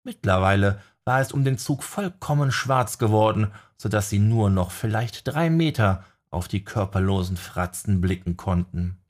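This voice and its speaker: A man reading a dark fantasy story aloud in measured, dramatic narration. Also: on the low side, expressive. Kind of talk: scripted audiobook narration.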